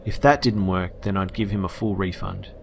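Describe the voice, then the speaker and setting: Man reading a horror story, low voice, casual and blunt, swears now and then, faint hiss behind. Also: fairly even intonation, moderate pace, creaky. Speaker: narrator.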